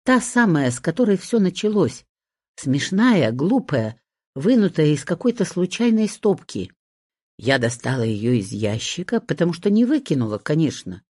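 A woman reading a first-person story aloud, in a soft, expressive way. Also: deep voice, moderate pace, dry recording, studio quality.

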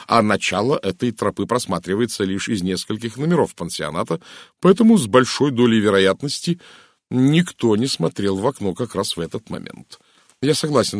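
A man voicing a methodical middle-aged police chief in an audiobook, speaking in a measured, authoritative way. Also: lowish voice, dry recording, studio quality. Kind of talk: audiobook character reading.

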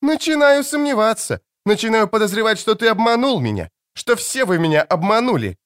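A man's voice: high voice, very animated, fairly quick, smooth, no room sound, studio quality, pitched above the performer's own voice. A man voicing a fiery, defiant young woman. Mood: furious mocking. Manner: sharp, mocking, shouting retorts. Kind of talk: audiobook character reading.

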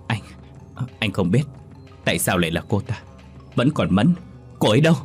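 A man's voice: fairly low pitch, big pitch swings, normal speed, faint music behind. A man voicing a grieving young man who stammers, dazed and devoted.

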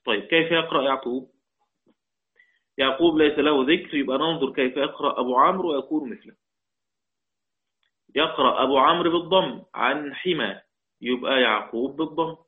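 A man with an Egyptian accent teaching the Quranic readings, drawing out quoted verses slowly and checking in with his listeners. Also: medium pitch. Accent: Egyptian Arabic. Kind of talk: religious lesson explaining a poem on the readings. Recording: tinny phone-like audio.

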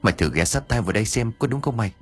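A man's voice: lowish voice, expressive, rapid-fire, husky, soft background music, voice pushed up. A man voicing a nervous young man who stammers and repeats words when scared. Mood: frightened. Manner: stammering, jittery.

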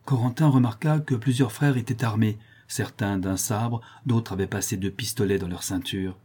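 A man reading a historical chronicle aloud in a measured, steady storytelling manner. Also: lowish voice, slightly rough. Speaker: audiobook narrator. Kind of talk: scripted narration.

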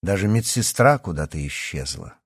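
A man reading an audiobook as the narrator, with an expressive storytelling delivery. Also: sits low, normal speed, slightly rough, no room sound, clean studio sound.

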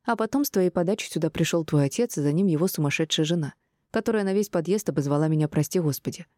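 A woman voicing a calm, decisive middle-aged mother who speaks in a level, stern tone. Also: deep voice, quick pace, no room sound, studio quality, lightly acted. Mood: firm.

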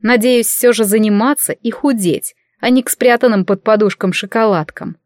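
A woman reads a first-person audiobook. Her delivery is expressive, turning brisk and commanding in the dialogue. Her voice sits at a middle pitch and sounds dry and close to the mic. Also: no echo. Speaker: audiobook narrator.

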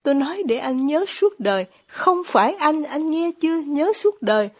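A woman voicing a gentle, devout young man who speaks quietly and deliberately, read as an audiobook. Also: high voice, very animated, voice pushed up. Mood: pleading. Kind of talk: audiobook reading of dialogue.

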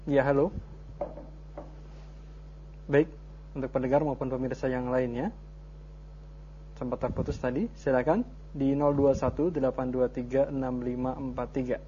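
Male call-in moderator, mellow tone, formal and polite, dull audio with faint hum. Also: mid-range voice, level tone, moderate pace, long pauses. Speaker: program moderator.

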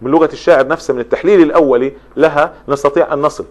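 A male lecturer talks through his material at a brisk clip, his voice sitting a little high for a man. He explains point by point and stacks up long lists of examples, often stopping and restarting mid-phrase. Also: darkish tone. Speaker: literature lecturer. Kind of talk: spoken lecture on poetry.

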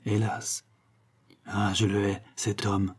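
A man's voice: lowish voice, flat delivery, takes it slowly, husky. A man voicing a vain, melodramatic young man in love in an audiobook. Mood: ardent. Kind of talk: audiobook character reading.

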